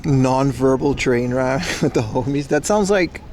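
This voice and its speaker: A man livestreams outdoors beside a railway platform, chatting casually with viewers and teasing them with mock insults. His medium-pitched voice is a little mellow and measured, with faint trains and city traffic in the background.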